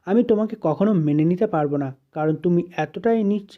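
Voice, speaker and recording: Guy doing a cold unforgiving husband, curt, kinda high voice, muffled. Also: brisk, natural voice. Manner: curt, accusing.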